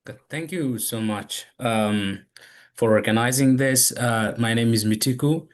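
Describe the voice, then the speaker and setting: A man from Ethiopia, a student, politely asking a question on a webinar video call with many pauses and fillers. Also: mid-range voice.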